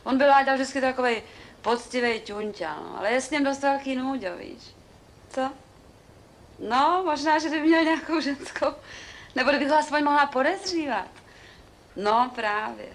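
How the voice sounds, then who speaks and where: A woman's voice: sits high, a little hiss or hum. An actress in a 1970s film comedy playing a bored housewife confiding in a friend on the phone, keeping her voice down. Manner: chatty, confiding, hushed.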